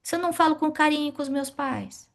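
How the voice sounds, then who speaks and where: A middle-aged woman teaching a spiritist study class, asking questions and answering them herself in a lively way. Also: high voice, a little fast, gravelly.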